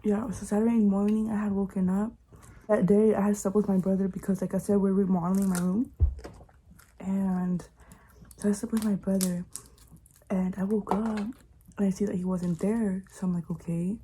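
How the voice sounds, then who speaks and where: A woman's voice: medium pitch, flat delivery, moderate pace, mellow, slight background noise. A woman vlogger chatting casually and telling a story, giggly, with Spanish words dropped in.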